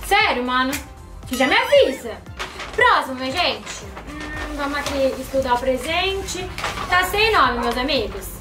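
A woman's voice: high voice, expressive, a little slow. A young woman vlogger, chatty and playful, talking to her viewers while opening gifts at home. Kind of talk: casual gift-opening vlog. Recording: echoey room with music.

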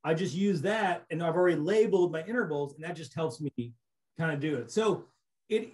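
A middle-aged man giving a relaxed recorded slideshow lecture on cave surveying over a webcam, explaining casually with frequent restarts. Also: a little high, brisk. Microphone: webcam on a video call.

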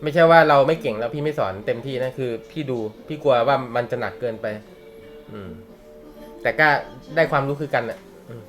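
A young man teaches a manga class live, speaking a little fast in a medium-pitched voice with soft background music. He's chatty and joking, laughs often, and uses slang and swears.

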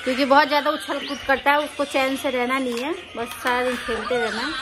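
A woman's voice: high voice, level tone, fast talker, heavy background noise. A woman from India vlogging casually, chatting to viewers as she visits family. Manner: chatty, addresses viewers directly. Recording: music playing behind.

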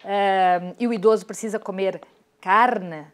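A woman's voice: medium pitch, steady tone, unhurried. Doctor lady in her 60s explaining food stuff, confident and teacherly, tv studio. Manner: didactic, confident, explaining step by step. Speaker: nutrition doctor, guest. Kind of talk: explanatory interview answers. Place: TV studio set.

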